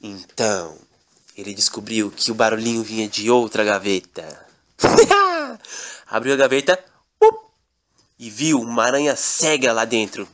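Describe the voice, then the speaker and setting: A man's voice: fairly low pitch, normal speed, fairly bright tone. A man telling an absurd comic story in a mock-dramatic, repetitive storytelling manner.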